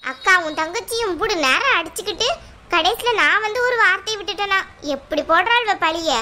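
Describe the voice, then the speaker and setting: A woman's voice: very high-pitched, a little fast, pushed and bright, slight background noise, full character voice. A woman voicing a scolding mother of two daughters in a cartoon, nagging and exasperated. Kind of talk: cartoon voice acting.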